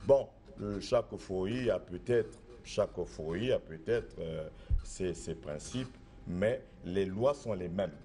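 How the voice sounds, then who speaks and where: A Congolese traditional spiritual master, middle-aged and from the Republic of the Congo, speaks slowly in a low, mellow, expressive voice. His interview answers are insistent and assertive, circling back to the same points.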